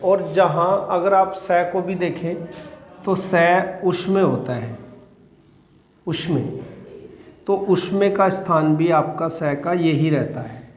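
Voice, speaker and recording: A man teaching Hindi grammar to a class, explaining slowly and repeating key words as he asks questions. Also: high-pitched, a little mellow, roomy sound, a little hiss or hum. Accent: Western Uttar Pradesh Hindi. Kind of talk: classroom lecture.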